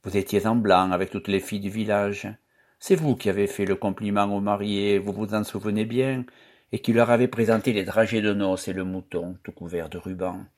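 Man reading a timid young charcoal burner, earnest, soft, low voice, storybook. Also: fairly even intonation, moderate pace, lightly acted.

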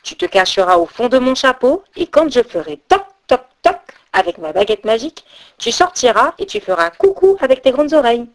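A woman voicing a bossy middle-aged male stage magician in a storybook tale, with a lively, high voice. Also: a little fast. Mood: instructing.

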